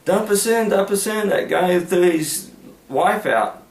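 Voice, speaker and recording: A man with a high-pitched, unhurried voice and vocal fry tells fishing stories in casual, rambling, folksy storytelling, often trailing off into "anyway" and "uh." It's recorded in an echoey room with faint ambience.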